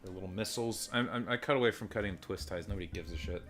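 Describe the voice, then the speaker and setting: Here the deep-voiced toy reviewer moves at a quick pace with a fairly bright tone, faint music behind him. His unboxing chat is casual, rambling and self-deprecating, with offhand swearing, recorded on a desk microphone and a phone mic.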